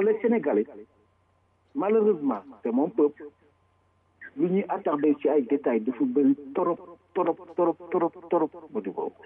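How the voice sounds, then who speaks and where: A man with a Senegalese French accent giving forceful political commentary, switching between Wolof and French and repeating words for emphasis. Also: high-pitched. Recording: tinny phone-line sound.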